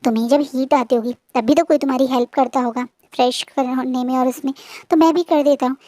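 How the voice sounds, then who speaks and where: A woman voicing a calm grown man who reassures his young husband softly and tenderly. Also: high voice, fast, no echo, close to an everyday voice.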